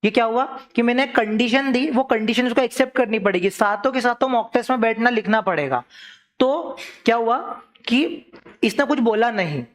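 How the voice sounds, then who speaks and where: High-voiced chatty male law teacher. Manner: chatty, addresses students directly with examples; slows down to read English legal terms. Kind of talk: classroom law revision lecture.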